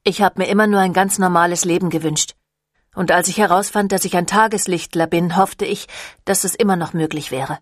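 A woman voicing a young male vampire in an audiobook, talking in a flustered, quick and defensive way. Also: lowish voice, steady tone, no room sound, studio quality, natural voice. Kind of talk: audiobook reading.

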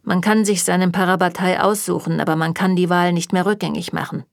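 A woman's voice: on the low side, steady tone, a little fast, creaky, no echo. A woman reading a German audiobook, voicing a sardonic, evasive male warlock who answers with dry mockery. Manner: dry and mocking.

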